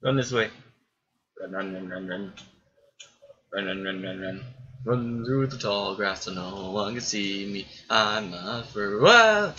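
A man's voice: fairly low pitch, measured pace, sharp tone, muffled recording. A man muttering to himself and chuckling as he builds, giving casual gameplay commentary. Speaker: gameplay streamer.

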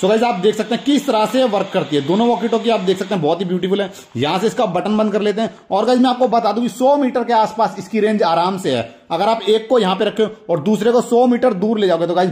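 This toy review host is an Indian man whose voice sits high and a little mellow, moving at a fast clip. His unboxing commentary is excited as he displays each item and repeatedly addresses the audience.

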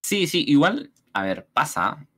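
Chilean man, calm mid voice. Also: fairly high pitch, unhurried. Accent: Chilean Spanish. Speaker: guest streamer. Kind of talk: casual chat.

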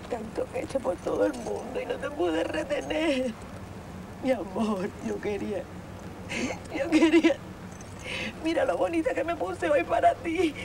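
A woman's voice: high-pitched, reverberant. An actress with a Cuban accent playing an intense, desperate woman who pleads and swears often, in a film drama. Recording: film audio with steady background noise.

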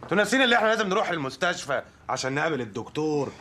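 A man's voice: a little high, big pitch swings, rapid-fire, noisy background. An actor playing a brash, mocking male gang member with an Egyptian accent. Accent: Egyptian Arabic.

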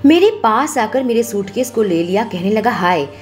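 A woman's voice: fairly high pitch, animated, moderate pace, a little mellow, soft background music. Woman narrating a romantic story.

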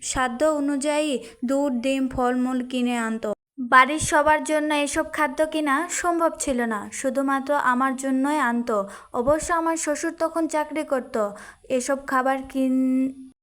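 Woman, high voice, first-person storyteller; plain telling with small restarts and fillers. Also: a little slow, fairly bright tone. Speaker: narrator.

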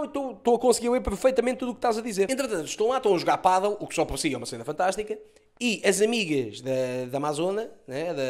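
Brief: male comedian, Lisbon accent, quick mocking recap, high bright voice, lots of cursing. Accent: Lisbon Portuguese. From Portugal. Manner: mocking, swears a lot, mimics characters. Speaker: comedian reviewing a TV series.

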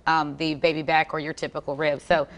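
She's a barbecue vendor with a drawl, bantering on a live TV segment in a lowish, easygoing voice. Her talk is sassy and joking as she pushes food on the hosts. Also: level tone, a little fast. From Texas. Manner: sassy, playful, talks with her hands in the food. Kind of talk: casual chat on live TV. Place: outdoors at a festival food stand.

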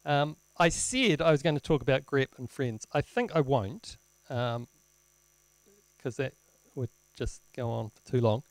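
Slow-paced man giving an informal tech demo. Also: mid-range voice, no room sound, poor audio. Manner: wry, self-deprecating humour; halting, thinking aloud while typing. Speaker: presenter at a tech meetup. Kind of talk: informal live technical demo talk. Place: indoor lecture room, presenting at a screen. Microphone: handheld microphone.

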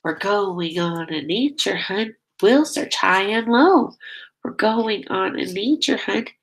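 A middle-aged woman teaching children reads a picture book aloud slowly and expressively. Her voice sits at medium pitch as she draws out key words and asks her young listeners questions.

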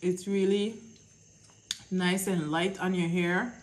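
Woman talking with her mouth full, chewing mid-sentence, relaxed chatty mukbang vibe. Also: fairly low pitch, slow. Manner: chatty and relaxed, addresses viewers as guys. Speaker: mukbang vlogger. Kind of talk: casual chat to camera while eating.

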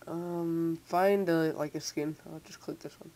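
Sitting at a computer indoors, a teen software tutorial maker talks through an unscripted screen tutorial, a little slowly, in a dark, medium-pitched voice with fairly even intonation. He stumbles and repeats words, his speech slightly affected by a sore from tightened braces. The home mic is noisy and hissy.

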